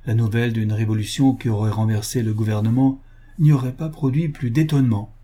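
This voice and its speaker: A man narrating a novel in a steady, even reading voice. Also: mid-range voice, brisk. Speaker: audiobook narrator. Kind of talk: scripted narration.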